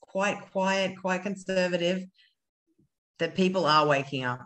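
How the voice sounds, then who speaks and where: An Australian woman co-hosting a casual discussion over a video call, telling a story in an animated, agreeable way. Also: fairly low pitch, a little slow, a crowd in the background. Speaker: co-host. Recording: roomy echo.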